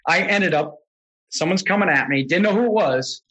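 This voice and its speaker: A middle-aged man, a podcast guest, telling stories in a casual, animated way, often correcting himself mid-sentence. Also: fairly high pitch, moderate pace, rough recording. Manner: animated, self-correcting storyteller. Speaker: podcast guest, real estate investor. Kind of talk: casual storytelling.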